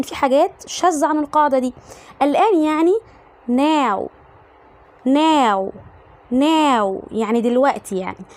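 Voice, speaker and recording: High-voiced Egyptian woman teaching phonics. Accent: Egyptian Arabic. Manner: repeats each English word slowly, then explains spelling rules. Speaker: English teacher. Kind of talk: phonics lesson for young children.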